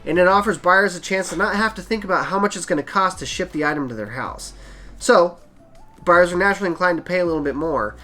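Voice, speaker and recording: A man with a high, sharp-toned voice hosts his own channel as an eBay seller. Talking casually to the camera, he gives practical, plain-spoken selling advice.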